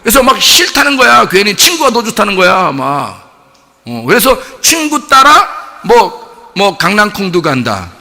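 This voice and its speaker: A male pastor preaching a sermon in a lively, colloquial way, often asking the congregation rhetorical questions. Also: extremely high pitch, unhurried, vocal fry. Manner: colloquial storytelling with vivid examples. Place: church sanctuary. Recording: long church hall reverb.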